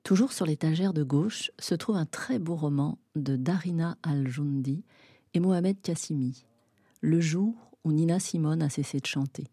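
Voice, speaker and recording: Low-voiced woman giving a dramatic reading. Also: moderate pace, breathy edge, dry recording, studio quality. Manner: intense, rising to shouting in the heated passages. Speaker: reader. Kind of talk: dramatic reading of a novel excerpt.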